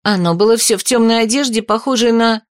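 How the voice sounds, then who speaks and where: Scared jittery young girl done by a woman reader, rushes her words, lightish voice. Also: fairly high pitch, no room sound, clean studio sound, lightly acted. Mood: frightened. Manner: trembling, rushed telling. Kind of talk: audiobook character voice.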